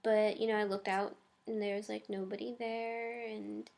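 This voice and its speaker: Creaky young woman rambling in a vlog. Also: medium pitch, level tone, moderate pace, darkish tone. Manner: hesitant, full of ums and likes. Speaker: vlogger.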